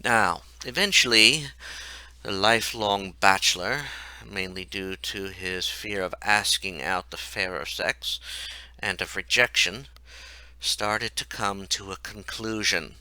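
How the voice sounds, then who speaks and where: A man's voice: on the low side, slow, sharp tone, smooth, no echo. A man reading his own comic story aloud in a wry, mocking way.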